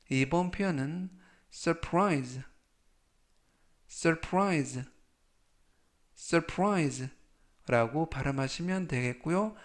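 Male Korean vocab teacher, slightly high voice, very slow deliberate drilling, polite formal delivery. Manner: reads each word slowly three times, formal polite endings. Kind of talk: slow, patient vocabulary lesson.

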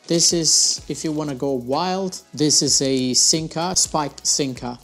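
A man's voice: a little high, unhurried, a bit bright, soft background music. A young man hosting his fishing channel, talking casually through his gear at a desk in a small room on a lapel mic, with slightly phrasing. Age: young adult. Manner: casual, chatty, slightly non-native phrasing. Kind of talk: gear review vlog.

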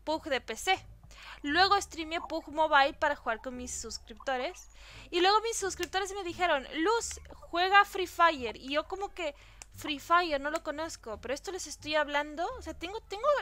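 A gaming YouTuber from Santiago del Estero, a young woman with that region's Argentine accent, giggles through a casual Q&A, reading out and answering fan questions. Her voice is high-pitched, pushed and bright, with lively intonation at normal speed.

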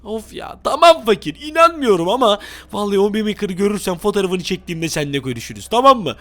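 A man hosting a gaming channel, narrating a Minecraft role-play excitably and talking to his viewers. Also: sits high, fast talker. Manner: excitable, jumpy, talks to viewers.

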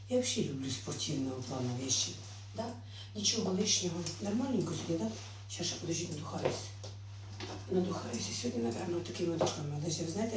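A woman rattles off a quick, affectionate morning vlog as she dresses at home, talking straight to her viewers. Her delivery is brisk and talkative, with faint ambience behind her. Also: sits low, slight background noise, poor audio. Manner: chatty, affectionate, addresses viewers as "my dears"; drops to a whisper at times. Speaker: vlogger. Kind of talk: casual morning vlog chat.

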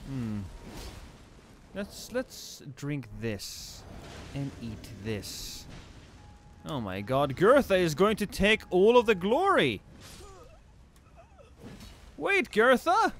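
Male game streamer, theatrical and playfully menacing, hugely varied intonation, very unhurried, faint background noise. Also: sits high, very animated, fairly bright tone. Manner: theatrical, playful mock-threatening. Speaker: gaming streamer. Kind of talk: casual live gameplay commentary.

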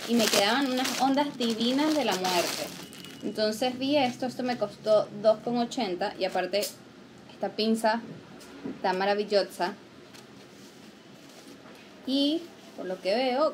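Her voice sits on the high side with a darkish tone, and there's slight background noise. This late-twenties vlogger from Venezuela teases and jokes in Venezuelan-accented Spanish, holding the camera at arm's length as she goes from shop aisles into a small living room.

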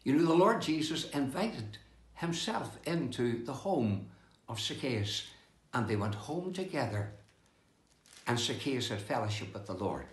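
An older man preaching a devotional sermon indoors, with slow, emphatic delivery that rises and falls. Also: mid-range voice, very animated, reverberant. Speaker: pastor. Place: indoor room with bookshelves, seated with open Bible.

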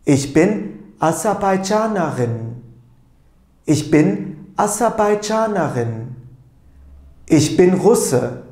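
Slow, deliberate male German teacher. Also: on the high side, big pitch swings, mellow, roomy sound. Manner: slow, deliberate repeat-after-me drilling. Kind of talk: language lesson at a whiteboard. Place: small indoor room with a whiteboard. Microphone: lapel mic.

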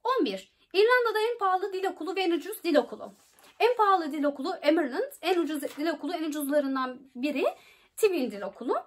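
A woman's voice: extremely high pitch, lively intonation, fast talker. A young woman from Turkey answering viewer questions in a casual vlog, chatty and often correcting herself mid-sentence. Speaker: vlogger.

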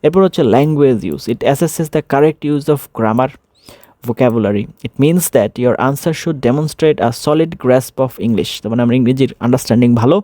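Male instructor with a Bangladeshi accent, mellow voice, dry close sound; reads English slowly, explains in between. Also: a little high, no room sound. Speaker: TOEFL instructor. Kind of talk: explanatory lesson.

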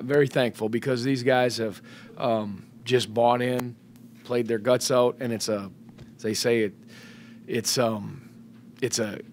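A middle-aged man, head coach of a basketball team, fields questions at a post-game press conference in a press room with a sponsor backdrop. Speaking into a table microphone, he is thoughtful but full of fillers and restarts. His voice is mid-range, with slight background noise.

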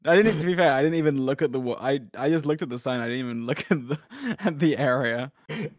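A man's voice: mid-range voice, fast talker, no echo. Teasing young man, dry sound. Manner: teasing, bickering, yells directions. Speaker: streamer playing a geography guessing game. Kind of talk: casual gaming banter.

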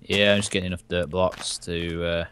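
A man's voice: sits low, flat delivery, moderate pace, a bit bright, slight background noise. A man playing a game with friends, laid-back and wry. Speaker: game player. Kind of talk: casual multiplayer game chat.

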